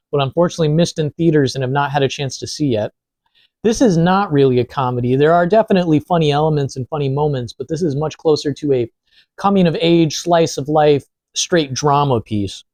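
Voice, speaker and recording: A man's voice: on the high side, a little mellow, no echo. Casual man reviewing, close dry sound. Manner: informal, lightly profane. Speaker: film reviewer. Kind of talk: casual film review chat while eating.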